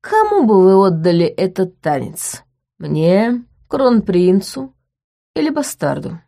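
A woman's voice: mid-range voice, sing-song, takes it slowly, vocal fry, warm tone, full character voice. A woman voicing a drunk, arrogant young crown prince with a mocking, slurred drawl.

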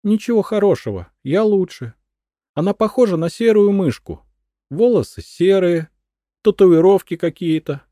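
Man doing a hysterical woman, shrieking, unhinged, high and loud, audiobook. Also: lively intonation, normal speed, no echo, clean studio sound, close to an everyday voice. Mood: shrill, unhinged. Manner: shrill, frantic outbursts.

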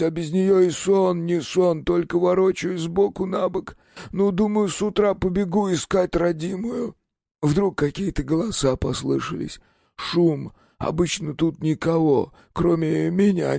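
A man voicing a frightened drunk peasant witness in an audiobook, with rough, folksy common speech. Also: fairly high pitch, warm tone, no echo, studio quality, pitched above the performer's own voice. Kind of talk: audiobook character voice.

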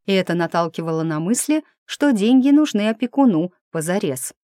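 A woman's voice: medium pitch, expressive, fairly quick, dark tone, no room sound, studio quality. Wry woman reading an audiobook. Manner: wry, ironic. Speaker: audiobook narrator. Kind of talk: scripted first-person audiobook narration.

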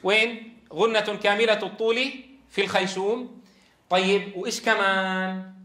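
Man, high voice, classroom lecture, questions the students, drawn-out demonstrations, roomy reverb. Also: steady tone, sharp tone. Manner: explains step by step, asks the class questions, drawls sounds to demonstrate. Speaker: Quran recitation teacher. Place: classroom with a board. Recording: echoey classroom.

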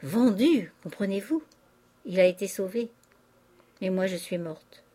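A woman's voice: medium pitch, lively intonation, a little slow, warm tone, slightly rough. A woman voicing a tearful young countess. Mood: distraught. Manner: tearful, pleading confession. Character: distraught young aristocratic wife, confessing. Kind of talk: audiobook character reading.

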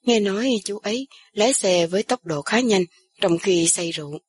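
A woman voicing a young man, a steady son who speaks reassuringly. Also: mid-range voice, moderate pace, close to an everyday voice. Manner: reassuring, firm.

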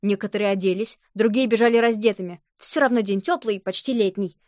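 A woman narrating a children's novel as an audiobook, reading in a lively, expressive way. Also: mid-range voice, a little fast, no echo, studio quality.

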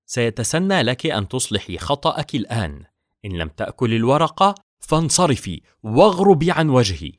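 A man voicing an angry, scornful young wife in a storybook reading, sharp and commanding, on a dry recording. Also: medium pitch, big pitch swings, fairly quick, no room sound, voice pushed up, close to an everyday voice.

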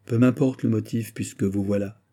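Brief: gallant male nobleman suitor, read by a man, ardent courtly pleading, husky voice. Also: fairly low pitch, steady tone, moderate pace, dark tone, lightly acted.

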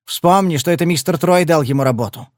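A man's voice: a little high, a little fast, no room sound, clean studio sound, voice pushed up, lightly acted. A male reader voicing a blunt, scarred thug who growls his threats. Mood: gruff. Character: thuggish, scarred male brawler, blunt and menacing.

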